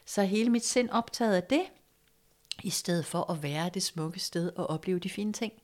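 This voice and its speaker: A woman with a slightly low voice tells a personal story in a relaxed, conversational way. She is reflective and hesitant, with fillers, and sometimes drops into a soft, hushed tone. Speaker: guest telling a personal story.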